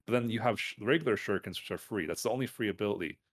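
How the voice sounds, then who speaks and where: A man's voice: on the low side, racing. A man co-hosting a podcast, chatting casually about games and anime, rambling with lots of fillers and self-corrections. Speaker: podcast co-host.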